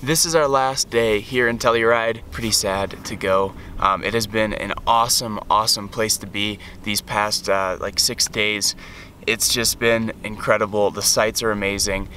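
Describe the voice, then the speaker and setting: A young man vlogging casually from a mountain bike trail outdoors, chatty and excited, rambling with fillers, at times out of breath. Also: lowish voice, normal speed, a little hiss or hum. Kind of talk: casual travel vlog.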